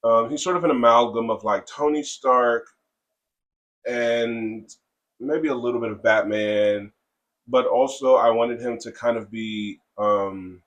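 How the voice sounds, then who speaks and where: A man co-hosting a casual podcast, talking in halting stretches with many fillers and restarts. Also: mid-range voice. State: has the hiccups. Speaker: comic creator and co-host.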